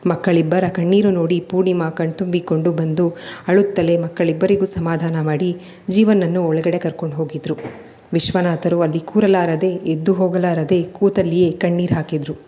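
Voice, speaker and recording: A woman reads an episodic family drama aloud, steady and emotive. Her voice sits low and sounds mellow and soft-edged. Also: moderate pace. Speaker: storyteller. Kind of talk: scripted narration of a family drama serial.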